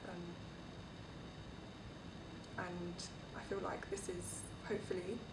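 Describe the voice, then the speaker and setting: A woman speaking hesitantly and softly in an interview. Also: lowish voice, flat delivery, slow pace. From London, England. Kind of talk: documentary interview. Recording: echoey room, distant mic, noisy.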